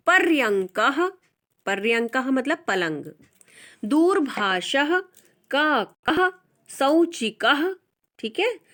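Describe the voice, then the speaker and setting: A woman teaching a textbook lesson in a slow, measured way. Her voice sits a bit high, and she says each word aloud before she explains it. Patient and steady, like a tutor going step by step.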